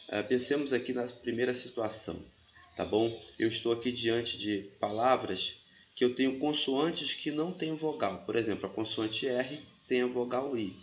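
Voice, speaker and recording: A man's voice: medium pitch, normal speed, fairly bright tone, a little hiss or hum. A man, teaching a grammar lesson step by step and often checking in with the listener. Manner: didactic, checks in with "tá bom?". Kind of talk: explaining a lesson. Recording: echoey room, slightly dull audio.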